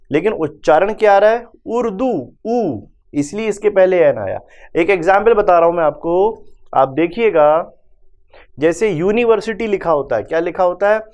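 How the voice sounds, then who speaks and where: A man's voice: high voice, a little mellow. A male teacher gives a grammar lesson, asking questions and answering them himself. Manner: calls students "beta".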